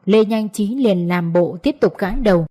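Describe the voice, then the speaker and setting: A woman's voice: medium pitch, normal speed, mellow. A woman narrating a scripted story as an audiobook reader.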